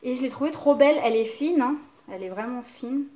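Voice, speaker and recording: A woman's voice: high voice, animated, quick pace, lo-fi sound. A young woman casually chatting about clothes to camera, hesitant and full of fillers. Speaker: mother showing baby clothes haul.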